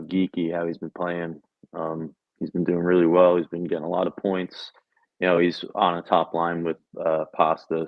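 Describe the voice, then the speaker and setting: Very low male co-host, relaxed and halting, on a dull, dry lo-fi mic. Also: no echo. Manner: laid-back, hesitant, lots of fillers. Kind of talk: casual sports betting chat.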